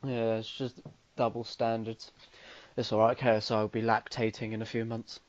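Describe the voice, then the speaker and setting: A man's voice: fairly low pitch, flat delivery, normal speed, a little mellow. A young man with an Irish accent co-hosting a podcast, cracking dry jokes and hesitating with fillers. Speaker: podcast co-host. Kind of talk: casual chat. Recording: dull lo-fi dry sound.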